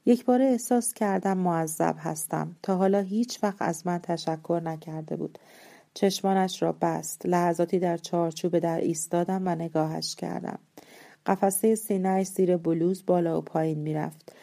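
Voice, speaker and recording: Warm-voiced woman narrating a story. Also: fairly low pitch, fairly even intonation, vocal fry. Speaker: audiobook narrator.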